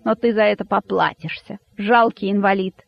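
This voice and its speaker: Man playing a slow, hissing, menacing snake king; dull, dry sound. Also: high voice, fairly even intonation, creaky, no echo. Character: menacing old king python, pompous and slow.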